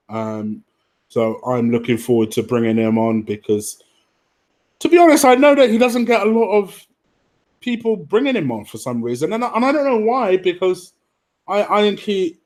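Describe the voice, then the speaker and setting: The host of a football fan livestream has a darkish, mid-range voice. He addresses his viewers casually and bluntly, wandering off topic and swearing freely.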